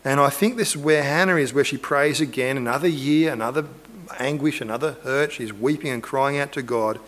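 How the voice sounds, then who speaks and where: A man's voice: medium pitch, fairly quick, fairly bright tone. A man preaching a conversational sermon, earnest, acting out quotes and imagined lines. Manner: earnest, acts out biblical quotes and imagined dialogue.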